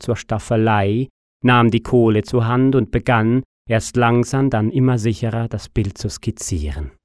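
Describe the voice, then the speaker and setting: A man with a fairly low voice reading a novel aloud. His storytelling is even and measured, in a steady audiobook manner. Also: dry recording, clean studio sound. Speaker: narrator. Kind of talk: audiobook narration.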